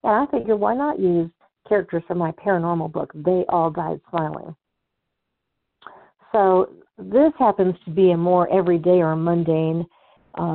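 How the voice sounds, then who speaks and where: A woman author talking casually about her writing, chatty and rambling, then reading her own story aloud. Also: fairly low pitch. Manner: chatty, rambling, with fillers and restarts. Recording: tinny phone-like sound.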